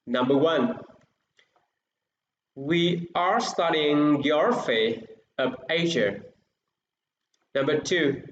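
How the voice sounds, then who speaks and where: A man with a Vietnamese accent teaching an English lesson, speaking slowly and clearly in English and switching to quicker Vietnamese explanations. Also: a little high. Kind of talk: bilingual classroom lesson. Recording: echoey, dull, faint hiss.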